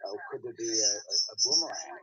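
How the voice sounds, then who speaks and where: A man's voice: fairly low pitch, lively intonation, fast, muffled recording, over a noisy crowd. A man as a news anchor, asking probing questions in a plain, direct way. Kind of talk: political news interview.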